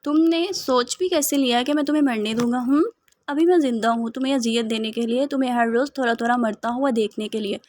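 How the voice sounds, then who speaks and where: A woman's voice: on the high side, a little mellow, natural voice. A woman voicing a cruel young husband who mocks and taunts his crying wife. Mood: taunting. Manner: taunting, coldly teasing.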